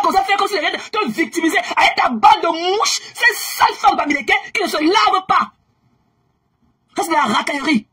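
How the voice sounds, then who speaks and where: High-voiced woman ranting at someone, scolding, repeats herself, gets loud then drops low. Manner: scolding, repetitive, swings between low and raised voice. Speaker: social media commentator. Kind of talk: heated gossip rant.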